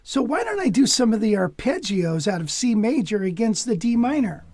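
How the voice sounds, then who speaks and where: A man teaching jazz guitar in a relaxed, casual way, sometimes dropping to a near whisper. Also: high voice, normal speed, no room sound, studio quality. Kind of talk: relaxed lesson talk.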